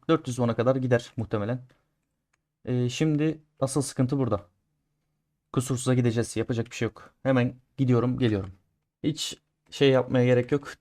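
Talking to his viewers as he plays, this male streamer gives relaxed, chatty commentary on each try in a normal mid-range voice. Setbacks draw grumbles from him, while successes get loud cheers.

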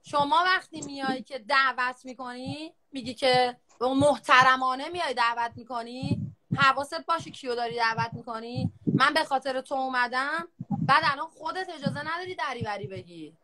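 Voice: high voice, sharp tone, poor audio. A woman arguing crudely and mockingly as a guest on a live stream. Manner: crude, taunting, argumentative. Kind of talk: heated live-stream argument.

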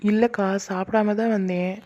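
A woman's voice: mid-range voice, steady tone, moderate pace, warm tone, muffled recording, close to an everyday voice. A woman voicing a playful, soothing young aunt in a cartoon.

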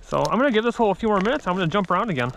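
High-voiced man filming outdoors. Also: racing, vocal fry, slight background noise. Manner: upbeat, rambling, excited when fish bite. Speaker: vlogger, angler. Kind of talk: casual outdoor chat. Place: outdoors on a frozen lake. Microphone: action camera on body.

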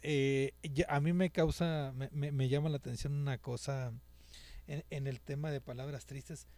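A man's voice: mid-range voice, fairly even intonation, moderate pace, mellow, dry recording. A man hosting a talk show, asking questions eagerly and respectfully and calling his guest "maestro". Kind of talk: casual interview conversation.

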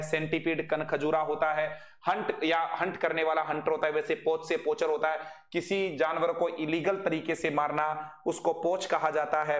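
An English vocabulary teacher with an Indian accent leads a live online class. His voice sits a little high and stays narrow in pitch. He keeps drilling students with quick questions, and the room gives his voice an echo.

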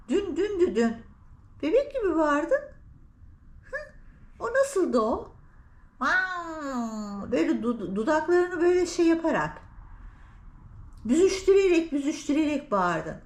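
Woman cat vlogger, middle-aged, high swooping voice, playful scolding baby talk, echoey room. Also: sing-song, moderate pace, darkish tone. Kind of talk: talking to her cats. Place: home by a balcony.

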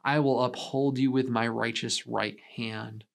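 This is a man pastor delivering a sermon. He speaks earnestly at a middle pitch. He paces himself with deliberate pauses to stress key lines. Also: fairly even intonation, gravelly. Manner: earnest, measured preaching with emphatic pauses.

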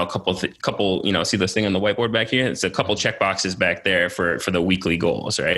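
A man's voice: low voice, pushed and bright. A man co-hosting a podcast in casual chat, with an informal, slangy way of talking. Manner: informal, slangy, often addressing his co-host as man and dude. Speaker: podcast co-host.

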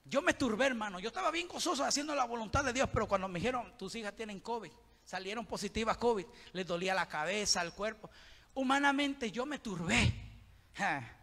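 A man preaching a fervent Pentecostal sermon in a church, shouting and constantly calling out to his brothers. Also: sits high, lively intonation, fairly quick. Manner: fervent, shouting, keeps saying "mi hermano". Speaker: guest preacher. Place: church sanctuary. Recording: long hall reverb.

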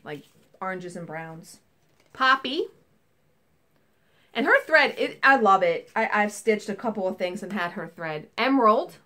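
A woman in her thirties presents a cross-stitch haul on webcam in her small home craft room, using a medium-pitched voice that's pushed, bright, and animated. She talks a little slowly with long pauses, staying chatty and enthusiastic while rambling off on tangents in this casual show-and-tell.

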